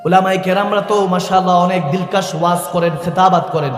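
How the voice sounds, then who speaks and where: A man preaching a rousing sermon to a large gathering, often shouting to the crowd over a PA system. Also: high voice, quick pace. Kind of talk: Islamic sermon at a religious gathering. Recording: echoey hall-like reverb over a PA, faint music.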